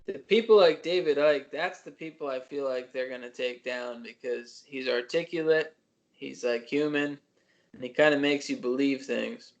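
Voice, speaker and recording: A man's voice: mid-range voice, normal speed, lo-fi sound. A man co-hosting a podcast over a video call, talking loosely with lots of fillers. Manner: loose, filler-heavy talk. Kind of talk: casual chat.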